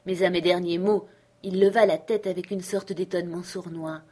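A woman narrating a classic adventure novel in a measured, expressive storytelling way. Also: on the low side, husky. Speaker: audiobook reader. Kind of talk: literary narration.

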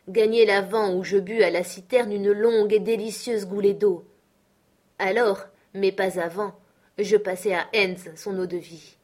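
A woman narrating a novel in a calm, measured reading voice. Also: medium pitch. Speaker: audiobook narrator. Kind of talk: scripted narration.

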